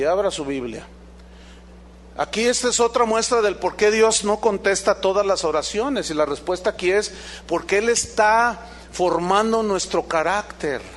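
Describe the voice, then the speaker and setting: Man, Mexican accent, pastor preaching, high voice, emphatic, rhetorical questions. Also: a little hiss or hum. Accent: Mexican Spanish. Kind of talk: sermon.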